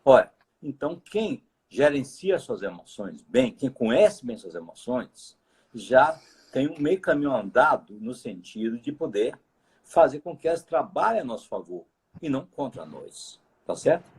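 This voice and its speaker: A man, speaking as a guest expert in a measured, lecturing way. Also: mid-range voice, big pitch swings, a little mellow, breathy edge. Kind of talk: explanatory conversation.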